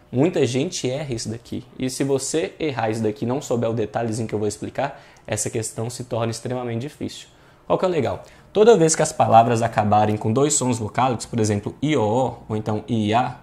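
A man's voice: medium pitch, darkish tone. A Brazilian Portuguese-speaking male teacher explaining grammar exercises in an online exam-prep class, often checking in with rhetorical questions.

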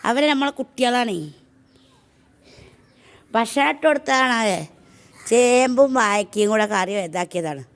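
Woman vlogging at home, kinda high voice, chatty and homely. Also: measured pace, pauses often. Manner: chatty and homely, calls viewers her children. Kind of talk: casual chat to camera.

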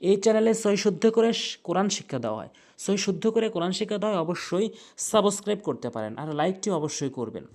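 A man teaching Quranic recitation rules, explaining mistakes briskly and chanting the verses slowly with long drawn-out vowels. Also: sits high, very animated, creaky, darkish tone. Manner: repeats corrections, contrasting wrong and right pronunciation. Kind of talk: tajweed lesson with chanted recitation.

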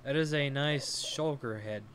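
A man's voice: mid-range voice, unhurried, a bit bright. A young man hosting a let's play, casually talking through each step of his game aloud as he goes. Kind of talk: casual gameplay commentary. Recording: faint background hiss.

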